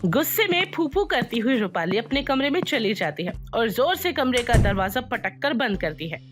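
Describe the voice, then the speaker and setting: Lively woman narrating a storybook. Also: on the high side, moderate pace, over music.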